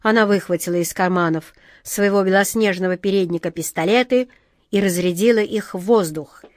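A woman's voice: medium pitch, a little fast, a little mellow, no echo. Brief: woman narrator reading a children's tale, dry close sound. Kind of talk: storybook reading.

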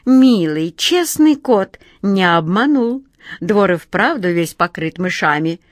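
A woman's voice: medium pitch, animated, slow pace, no echo, clean studio sound. A woman voicing a vain, sly grown she-cat in a storybook reading, purring and drawn out. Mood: delighted.

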